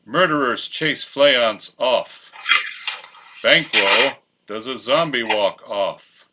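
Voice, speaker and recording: A man's voice: medium pitch, takes it slowly, sharp tone, breathy edge. A man narrating, reading out scripted stage directions for a play.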